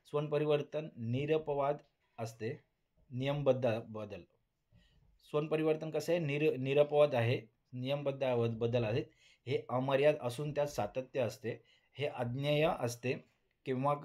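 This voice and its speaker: A man's voice: mid-range voice, a little mellow. A man giving a recorded lecture, reading out points, repeating them and often restarting words. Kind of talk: recorded Marathi linguistics lecture.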